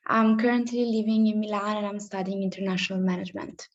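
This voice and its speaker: A woman's voice: medium pitch, fairly even intonation, fast. A woman in her twenties, a student, briefly introducing herself on a video call. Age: 20s. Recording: dull lo-fi call audio.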